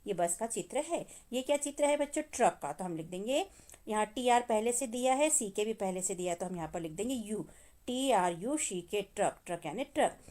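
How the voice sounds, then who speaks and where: A woman teaching children from a workbook with a Hindi accent, reading English lines slowly and then explaining them, often calling out to the kids. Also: medium pitch, animated, a little mellow.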